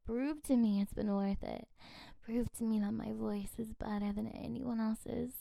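A woman plays a flirtatious, coaxing friend in an intimate ASMR role-play, right in your ear. Her voice is mellow and fairly high, slipping between soft breathy speech and soft voice. She takes her time, with a creaky edge to her words. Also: steady tone, unhurried, no room sound. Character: flirtatious, coaxing female friend on a late call.

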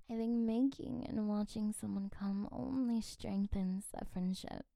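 A woman plays a flirtatious, coaxing friend in an intimate ASMR role-play, right in your ear. Her voice is mellow and fairly high, slipping between soft breathy speech and soft voice. She takes her time, with a creaky edge to her words. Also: no echo, studio quality. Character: flirtatious, coaxing female friend on a late call.

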